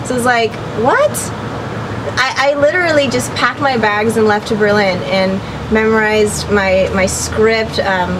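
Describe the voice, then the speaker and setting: A woman's voice: fairly high pitch, steady tone, normal speed, few pauses, noisy background. A young woman chatting in a casual interview about her acting work, talking freely with many fillers and frequent laughs. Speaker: actress interviewee.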